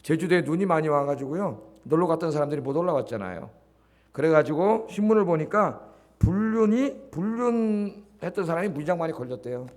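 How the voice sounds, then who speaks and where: A man's voice: a little high, expressive, fairly quick, a little mellow. A middle-aged man preaching a Sunday sermon as pastor, telling a story dramatically and prompting the congregation with questions. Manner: dramatic preaching, voices quoted characters, asks congregation "예?".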